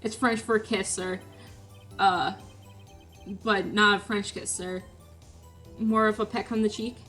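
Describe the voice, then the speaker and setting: A woman voices a fussy, prim bellboy giving testimony in a game. He is stiffly formal and tacks "sir" onto his answers, at a middling pitch, with faint music playing behind. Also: fairly even intonation, slow, fairly bright tone. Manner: formal, ends lines with a clipped "sir". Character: prim, fussy male hotel bellboy witness.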